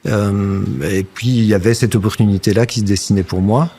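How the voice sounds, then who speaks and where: Fairly low and steady, his voice is mellow with a slight roughness, and he talks fairly quickly. He is a Belgian actor and puppeteer in his fifties, from near Brussels, whose French carries a slight Flemish accent. In a casual interview he reflects aloud, frequently pausing and starting sentences over.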